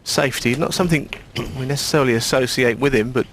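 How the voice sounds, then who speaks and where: Unhurried, hushed man on snooker commentary. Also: mid-range voice, background noise. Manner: unhurried, conversational, short remarks. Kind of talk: hushed, low-key live snooker commentary.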